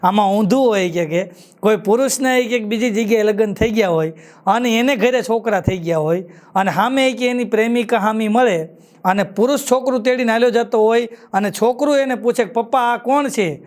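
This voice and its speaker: Kathiyawadi guy doing stand-up jokes live, really high voice, keeps repeating the punchline. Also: fairly quick. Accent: Kathiyawadi Gujarati. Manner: storytelling with repeated punchlines, chuckles at his own jokes. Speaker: stand-up comedian. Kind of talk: Gujarati live joke-telling. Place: live stage show.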